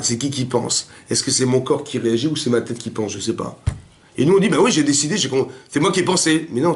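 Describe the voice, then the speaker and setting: A man, a rabbi, giving a Torah class in a family home, animated and asking his listeners rhetorical questions. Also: medium pitch.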